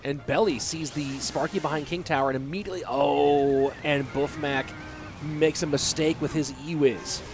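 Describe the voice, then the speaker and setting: Over music, a young man with a fairly high voice speaks at a moderate pace, sounding stuffy from a cold. As an esports commentator casting solo, he handles the play-by-play and reads chat in a casual way. Relaxed and chatty, he answers questions from chat between plays.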